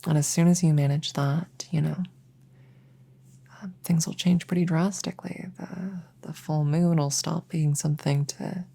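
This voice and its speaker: Taking on the role of a comforting witch vet for a gentle ASMR roleplay, a woman talks softly to an anxious patient in a soothing, slightly hesitant way. Low and mellow with some huskiness, her voice keeps a steady tone at a moderate pace as she gently explains things.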